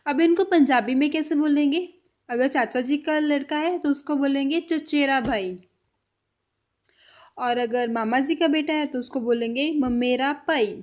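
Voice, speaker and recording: A high-pitched woman gives a vocabulary lesson at an unhurried pace. She says each word, repeats it, and lets her voice drop and fade at the end of a phrase. She sounds patient and instructional. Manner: repeats each word slowly, trailing off softly. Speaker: language teacher.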